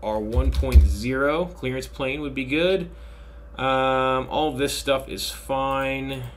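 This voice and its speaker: Relaxed man giving a machining software tutorial. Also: mid-range voice, slow pace, slight background noise. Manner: relaxed, thinking aloud with fillers. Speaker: machining instructor. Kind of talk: software tutorial screen recording.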